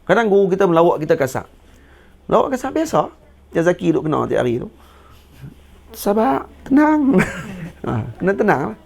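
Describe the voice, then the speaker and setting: Man, Malaysian Malay accent, gravelly voice, religious study lecture, slow Arabic reading, joking explanations. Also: high voice, very animated, a little mellow. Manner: reads Arabic text slowly, then explains in colloquial Malay with jokes and laughter. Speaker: religious teacher.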